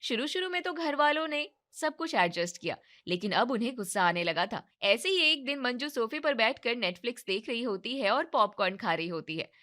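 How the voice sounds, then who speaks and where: A woman narrating a family story in an even, scripted storytelling manner. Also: fairly high pitch, normal speed, hardly any pauses.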